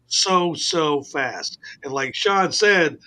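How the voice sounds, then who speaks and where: A man hosting a casual sports radio show, telling stories in an animated, profane way. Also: fairly high pitch, extremely slow. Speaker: host. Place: radio studio.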